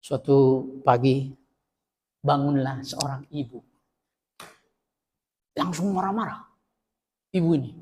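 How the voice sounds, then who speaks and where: A male pastor, preaching a storytelling sermon in an animated way. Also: slow pace, pauses often, breathy edge, long reverb tail. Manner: animated, swings from loud acted scenes to low earnest preaching.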